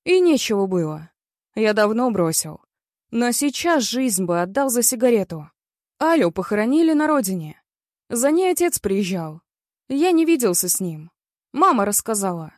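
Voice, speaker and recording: A woman's voice: mid-range voice, no echo. A woman narrates a first-person story in a blunt, bitter voice with crude turns of phrase. The sound is dry and close, with no room around it. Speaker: audiobook reader.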